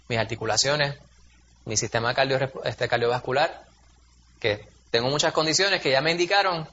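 A man's voice: medium pitch, bright, forceful tone, dull audio, a little hiss or hum. A man, preaching a sermon in a conversational, storytelling way, acting out quotes in a raised voice. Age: 40s.

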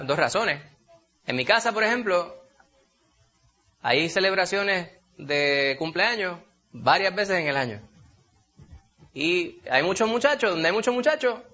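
A man preaching a sermon, animated, asking rhetorical questions and calling his listeners brother. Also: fairly high pitch. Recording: dull lo-fi recording.

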